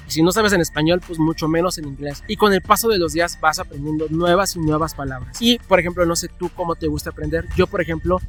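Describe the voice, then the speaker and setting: Chatty Mexican man vlogging. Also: a little high. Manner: chatty, animated, acts out his own past dialogue. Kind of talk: casual storytelling vlog.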